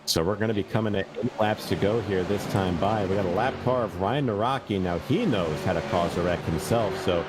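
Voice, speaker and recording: A man's voice: low voice, fairly quick, hardly any pauses, noisy background. A man calling a sim race play-by-play, playful and prone to trying impressions. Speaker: race commentator.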